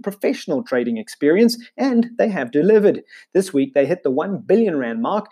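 A man presenting a scripted weekly crypto news roundup, punching out headlines with brisk emphasis. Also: on the high side, breathy edge. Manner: brisk newsreader delivery with lively emphasis on headlines.

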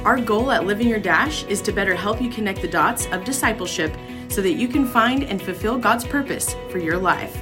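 A woman's voice: mid-range voice, a little fast. A woman reading a scripted podcast introduction as its announcer. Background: music.

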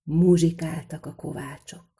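A woman's voice: low-pitched, steady tone, creaky, warm tone, slightly rough. A woman reading a folk tale aloud in a vivid, rhythmic storytelling manner.

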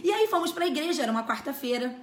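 High-voiced Brazilian woman telling a story. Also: very fast, roomy sound. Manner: lively, laughs through her story. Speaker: church speaker sharing a testimony. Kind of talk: casual storytelling talk.

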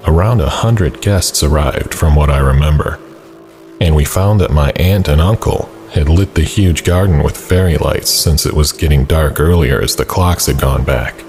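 Male narrator for first-person scary stories, extremely low-pitched, light music underneath. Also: moderate pace, a little mellow.

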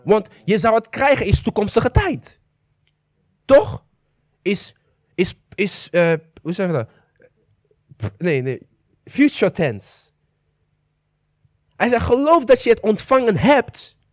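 Male preacher, high lively delivery, emphatic, quizzes the congregation, close dry sound. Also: slow, pauses often, no room sound. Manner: emphatic, asks the congregation questions, slips into English phrases. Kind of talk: sermon.

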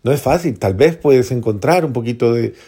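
A man preaching a homily as a priest, earnest, repeating phrases for emphasis and dropping to soft prayerful tones. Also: medium pitch, expressive, normal speed, breathy edge.

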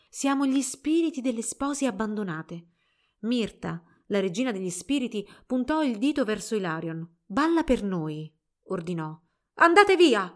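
A woman narrating a storybook fairy tale in a calm, measured way. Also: fairly high pitch.

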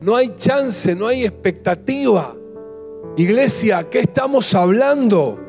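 A man with an Argentine accent preaching a sermon as pastor. He fires off rhetorical questions and drops to hushed repetitions. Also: sits high, animated, takes it slowly, faint music behind.

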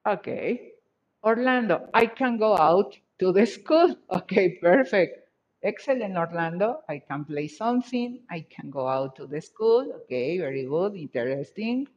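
A woman teaching an online language class, switching between two languages, repeating her students' sentences slowly and encouraging them. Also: mid-range voice, lively intonation, darkish tone, highs cut off. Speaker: English teacher. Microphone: video call.

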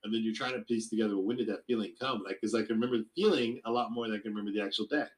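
Guy talking real quick with a lowish voice, kinda rambly, asking the others stuff. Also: rough recording. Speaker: podcast host. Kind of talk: casual chat.

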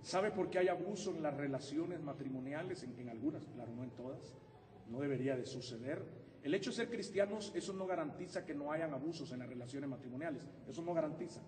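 Male pastor, high voice, lively humorous sermon delivery, heard from a distance with a long hall reverb. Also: a little fast, background noise. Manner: animated and humorous, acting out husband-wife exchanges. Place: church sanctuary. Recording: echoey hall, preacher away from the mic.

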